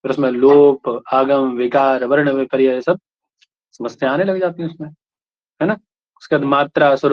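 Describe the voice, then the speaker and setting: A man from India teaching a class, explaining points and checking in with the students with short questions. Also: mid-range voice. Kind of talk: classroom lecture. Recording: lo-fi classroom recording.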